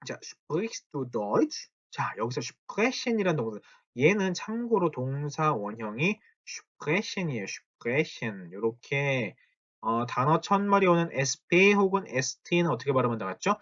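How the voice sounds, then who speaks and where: A man gives a German grammar lesson, stretching out each German example sentence slowly. His pitch rises and falls a great deal as he explains, and the recording sounds dull and lo-fi. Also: very animated, fairly bright tone. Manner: slow, drawn-out German example sentences between Korean explanations. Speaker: German language teacher. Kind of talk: spoken grammar lesson at a whiteboard.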